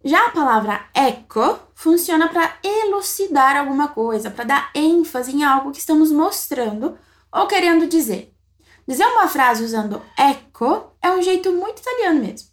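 A woman with a high voice leads an Italian lesson. She explains each phrase patiently and says the model sentences slowly so the learner can repeat them. She praises every attempt with a cheerful word. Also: sing-song. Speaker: Italian teacher. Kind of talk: language lesson narration.

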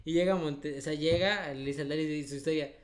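A man's voice: a little high, fairly even intonation, fast talker. A young adult man with a Mexican Spanish accent, co-hosting a casual podcast chat, slangy and laughing, swearing freely. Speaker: podcast co-host. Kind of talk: casual chat among friends.

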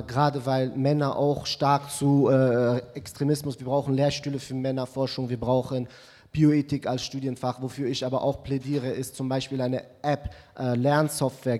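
A man's voice: medium pitch, darkish tone. Man, from Iran, audience member, hesitant, lots of fillers, long hall reverb. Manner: hesitant, many fillers, earnest. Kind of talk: public discussion contribution.

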